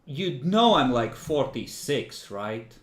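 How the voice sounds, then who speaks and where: A man's voice: medium pitch, big pitch swings, slow. A man working as a game master, improvising tabletop narration in a hesitant, wry, amused way. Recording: echoey room.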